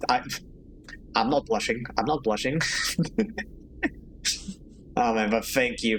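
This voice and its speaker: A man's voice: medium pitch, a bit bright, a little hiss or hum, rough recording. A man streaming a game, chatting casually with viewers, giggly and chatty, and narrating the game text. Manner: chatty and giggly, talking to chat.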